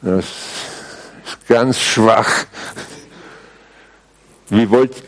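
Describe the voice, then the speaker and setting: Slow, emphatic male preacher. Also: on the low side, fairly bright tone. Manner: emphatic, deliberate preaching with wry asides to the congregation. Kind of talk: sermon to a congregation. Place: church service before a live congregation.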